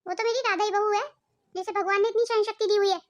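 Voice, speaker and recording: A woman's voice: extremely high pitch, fairly even intonation, fast. A woman voicing a harsh old mother-in-law in a cartoon, taunting and scolding in a melodramatic way. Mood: grateful.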